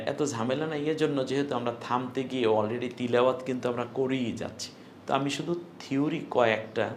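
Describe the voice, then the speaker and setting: A man's voice: lowish voice, creaky. Bangladeshi guy teaching quran reading rules, explains step by step, slight hiss behind. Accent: Bangladeshi Bengali. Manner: explains step by step, chants recited verses slowly. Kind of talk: online lesson.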